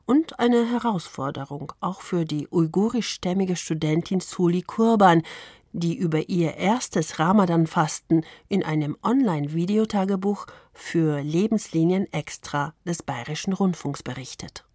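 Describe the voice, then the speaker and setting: A woman presenting a radio culture program in a measured, formal reading style. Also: on the low side, darkish tone, no room sound, studio quality. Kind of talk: scripted radio moderation.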